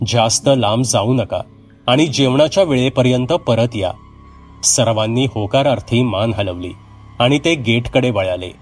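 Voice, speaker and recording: Man, horror storyteller, steady read, faint music underneath. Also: mid-range voice. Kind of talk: scripted horror story narration.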